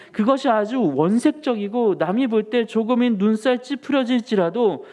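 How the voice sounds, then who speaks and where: A man preaching a sermon as a pastor, earnest and building to emphatic rises in pitch, in a church sanctuary. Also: darkish tone.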